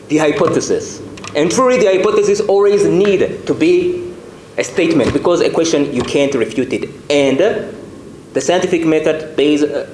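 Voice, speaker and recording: A man giving a formal talk at a club meeting, measured and explanatory like a teacher. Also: on the high side. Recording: echoey room with faint noise.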